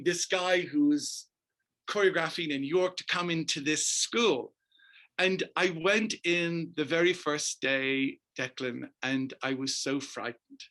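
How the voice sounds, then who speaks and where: A middle-aged man from Northern Ireland, a dancer and choreographer, telling stories as an interview guest in an animated, emphatic way. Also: a little high. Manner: animated, emphatic storyteller who keeps addressing the host by name. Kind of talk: storytelling interview.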